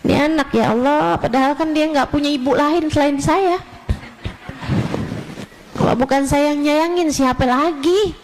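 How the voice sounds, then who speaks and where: High-voiced woman preaching. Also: a little slow, pauses often, slight background noise, poor audio. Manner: animated, acts out congregants' complaints. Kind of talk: religious lecture.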